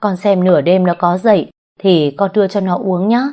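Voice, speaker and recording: A woman's voice: lowish voice, moderate pace, mellow, recorded from a distance. A woman narrating a story in the first person, reading the dialogue with small shifts of voice.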